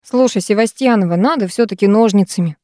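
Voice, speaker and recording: A woman reading an audiobook, voicing a lanky teenage boy with a calm, mocking manner. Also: mid-range voice, brisk, dry recording, clean studio sound, close to an everyday voice. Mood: teasing.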